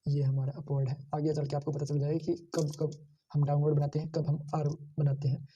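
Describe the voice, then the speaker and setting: A man teaching shorthand, slowly repeating each sound and pointing out how every stroke is drawn. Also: a little high, completely flat delivery, dark tone, slightly rough, distant mic, dull audio. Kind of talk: screen-share lesson.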